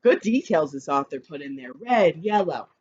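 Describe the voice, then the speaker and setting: A woman who teaches kindergarten, reading picture books aloud slowly and expressively, with chatty asides to the children. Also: husky, dull audio. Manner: slow, expressive read-aloud with lively pitch, chatty asides.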